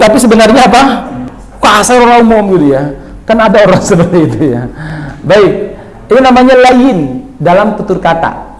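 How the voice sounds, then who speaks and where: A man giving a dawn sermon in a lively, teasing way, asking his audience questions. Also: a little high, roomy sound, low-quality recording. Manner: slips into Javanese phrases. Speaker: preacher.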